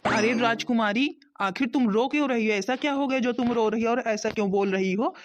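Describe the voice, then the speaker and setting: A performer voicing a gentle middle-aged father in a cartoon, who talks slowly and soothingly. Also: very high voice. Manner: slow, soothing and pleading. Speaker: father character. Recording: dull lo-fi sound.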